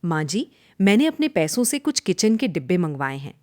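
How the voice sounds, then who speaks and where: A woman's voice: on the low side, very animated, fairly quick, a little mellow, dry recording, studio quality. A woman voicing an overworked young daughter-in-law who answers back in a pained, pleading way in a cartoon story. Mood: defensive.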